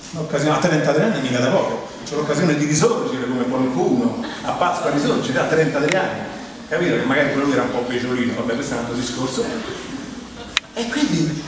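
Heard from a distant mic in a very echoey hall with clear background noise, this fairly high-pitched middle-aged Roman man performs a funny, chatty stage monologue. Speaking with a Roman Italian accent, he rambles animatedly through stories, acts out quoted dialogue, and talks directly to his listeners.

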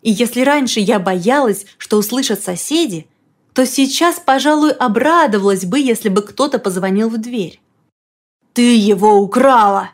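A woman reading a first-person novel aloud in a lively, expressive storytelling manner. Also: fairly high pitch, moderate pace. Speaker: audiobook reader. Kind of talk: first-person audiobook narration.

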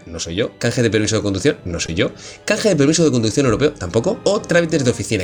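A man who is a longtime regular on a casual podcast, ranting and swearing freely. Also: fairly low pitch. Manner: profane, ranting.

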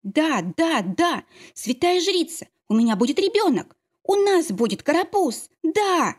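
A woman voicing a young pregnant woman, joyful and tearful, in a high excited voice. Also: moderate pace.

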